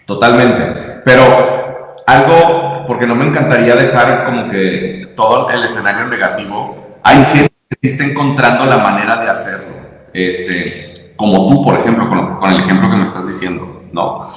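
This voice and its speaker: A man's voice: mid-range voice, normal speed, a bit bright. Emphatic Mexican man in an echoey room. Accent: Mexican Spanish. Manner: emphatic, explanatory, many fillers. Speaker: guest. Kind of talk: conversational interview. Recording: echoey room with long reverb.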